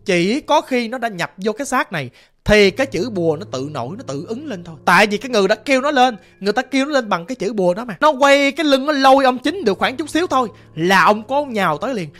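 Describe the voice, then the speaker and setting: Lively woman storyteller. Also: a little high, quick pace. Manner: chatty, vivid, conversational, explains as she goes. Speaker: ghost story narrator. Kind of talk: casual spoken storytelling.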